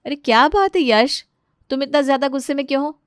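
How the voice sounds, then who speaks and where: A woman's voice: high-pitched, a little fast, no room sound, studio quality, pitched above the performer's own voice, natural voice. A woman voicing a scheming young daughter-in-law in a cartoon story who speaks sweetly and laughs slyly. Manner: sly laughter, sugary politeness.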